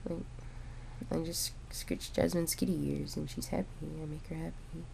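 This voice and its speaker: A young woman rambling in a relaxed, stoned drawl, full of fillers and restarts, talking casually to her camera at home. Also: deep voice, creaky, slight background noise. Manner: meandering, halting, with frequent fillers and restarts. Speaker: vlogger.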